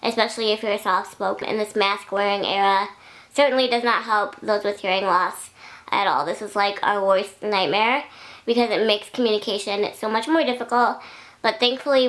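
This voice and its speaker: Young woman vlogger, high-pitched, talks to camera in a rambling, chatty way that wanders and doubles back. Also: fairly bright tone. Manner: rambling, chatty, loses her thread and backtracks. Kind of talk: casual vlog talking to camera.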